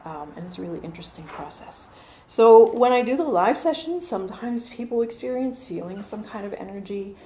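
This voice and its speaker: A medium-pitched, animated voice with a dark tone comes from a woman in her forties, talking fairly quickly about her channeling to a small group at home. Fillers and restarts crowd her chatty delivery. A phone camera across the living room records it, roomy and faintly humming.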